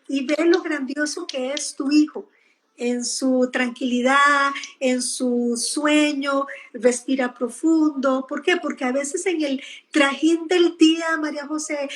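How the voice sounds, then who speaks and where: A woman psychologist giving gentle, explanatory advice to parents, with frequent hesitations and repeated words, speaking over a video call. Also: high-pitched, low-quality recording. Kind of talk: advice talk on a live or video chat.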